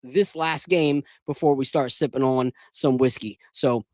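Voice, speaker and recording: A man's voice: mid-range voice, measured pace, very noisy. A man hosting a casual sports and whiskey livestream, chatty and laid-back, calling on viewers to like and subscribe. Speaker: podcast host.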